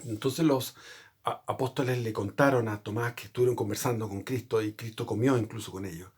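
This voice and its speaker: A man with a husky, somewhat breathy voice speaks at an ordinary middle pitch. He explains a religious subject in an earnest, unscripted way, wandering off on tangents and often correcting himself mid-thought. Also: fairly even intonation, fairly quick, a little mellow. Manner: rambling, with frequent restarts and self-corrections. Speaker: channel host.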